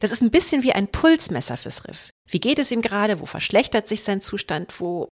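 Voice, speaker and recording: A woman's voice: mid-range voice, sing-song, a little fast. Chatty woman co-hosting a travel podcast. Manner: chatty, explanatory, with tag questions. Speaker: co-host. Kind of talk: conversational travel podcast presenting.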